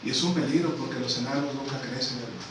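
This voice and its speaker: A man preaching a sermon as a missionary. He keeps calling the congregation brothers and swings between loud emphatic peaks and low, hushed lines. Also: quick pace. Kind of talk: Spanish-language church sermon. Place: church sanctuary. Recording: echoey church recording from far off, faint hiss.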